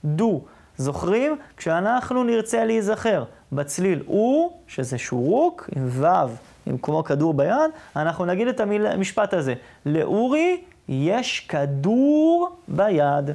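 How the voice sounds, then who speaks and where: A woman teacher giving a reading lesson to children, patiently checking in with her listeners and slowly drawing out single syllables. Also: lowish voice, sing-song, vocal fry, dark tone. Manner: patient, asks the class often whether they follow; drawn-out sounding of single syllables.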